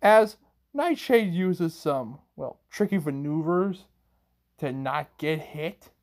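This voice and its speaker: Slow, rambling young-sounding male storyteller. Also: fairly high pitch, expressive. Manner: rambling, chains events with "as", frequent restarts. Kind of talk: improvised fan-fiction narration.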